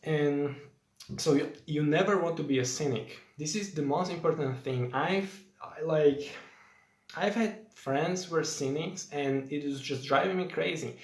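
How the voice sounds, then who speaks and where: Speaking English with a Slovak accent, a young man from Slovakia runs a relaxed live Q&A stream, greeting viewers by name amid chatty rambling and lots of fillers. His voice is a little high, his pace a little slow, and the audio reverberant.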